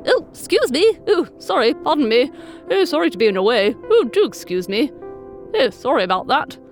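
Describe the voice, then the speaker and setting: A woman's voice: high voice, sing-song, normal speed, soft background music, voice pushed up. Woman doing fluttery, apologetic asteroids. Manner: stuttering, apologetic. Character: clumsy, polite, apologetic asteroids.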